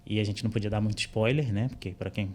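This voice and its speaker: A Brazilian man with a somewhat low voice talks in a relaxed, explanatory way, full of small fillers. He is a podcast guest in a studio, recorded close on a studio microphone. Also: quick pace. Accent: Brazilian Portuguese. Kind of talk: casual interview chat. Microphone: studio microphone with headphones.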